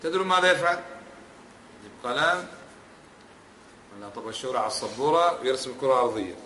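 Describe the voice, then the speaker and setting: In an echoey hall with faint ambience, a man lectures as an Islamic scholar, hammering home and repeating his points while pressing listeners with rhetorical questions. His medium-pitched voice is animated, fast, pushed and bright, with a little hiss or hum in the background.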